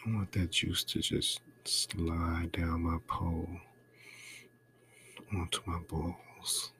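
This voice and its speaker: A man doing an intimate ASMR role-play right in your ear, breathy and coaxing, close to the mic. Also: level tone, takes it slowly, slight background noise. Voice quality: breathy, mostly soft-spoken low voice.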